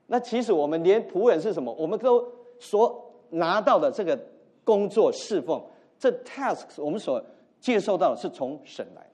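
Animated male pastor, warm low voice. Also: normal speed. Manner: animated preaching, swinging between loud emphasis and soft asides; mixes English words into his teaching. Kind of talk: sermon.

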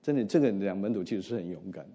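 Preaching earnestly, this middle-aged pastor talks in a lowish, animated voice at a rapid-fire pace. His delivery alternates between emphatic climbs and gentle drops, with English words mixed in.

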